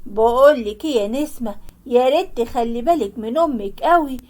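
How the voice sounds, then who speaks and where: A woman voicing a kind young husband with an Egyptian accent, speaking firmly but gently in an animated story. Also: fairly high pitch, a little fast, natural voice. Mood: earnest. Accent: Egyptian Arabic. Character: kind young husband, caring son-in-law.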